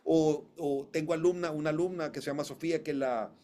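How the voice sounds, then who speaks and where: A man's voice: on the high side, fast talker, a little mellow. A man who works as a voice coach, talking in an interview. He speaks emphatically, repeats phrases and often restarts his sentences. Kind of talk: conversational interview storytelling.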